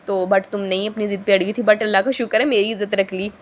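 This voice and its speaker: A young woman from Pakistan, a vlogger, chatting casually through a shopping haul in a hoarse, heavy voice from a sore throat, rambling and often correcting herself mid-sentence. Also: mid-range voice, steady tone, fast.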